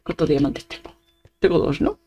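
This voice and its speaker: A woman's voice: low-pitched, very animated, moderate pace, mellow. A woman with a Spain Spanish accent giving casual, playful gameplay commentary, chatting to her viewers and muttering little sound effects as she plays. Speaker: gaming channel host.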